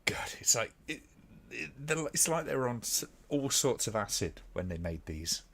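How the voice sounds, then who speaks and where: A man's voice: medium pitch, big pitch swings, normal speed, creaky, a bit bright. A man from the UK hosting a live stream, chatting casually and chuckling as he rambles with fillers. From United Kingdom. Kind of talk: casual chat reacting to old clips.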